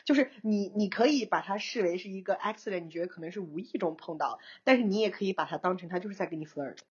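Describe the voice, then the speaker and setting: A young woman co-hosting a casual talk show, telling a personal story in an animated way, laughing often and mixing in English words. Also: fairly low pitch, quick pace, breathy edge, lo-fi sound. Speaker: co-host, screenwriter.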